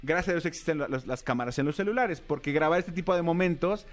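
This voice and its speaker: A Mexican man co-hosting a radio talk show, his voice sitting a little high as he tells stories with lively energy. He acts out the quotes in his anecdotes and keeps the chat casual. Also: fast talker. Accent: Mexican Spanish. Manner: animated storyteller, acts out quotes.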